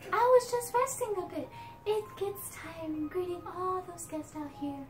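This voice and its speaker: A woman's voice: very high-pitched, expressive, moderate pace, soft background music. A woman voicing a sweet, gracious young princess, reading the game text aloud politely. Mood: gentle. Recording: roomy, distant from the mic.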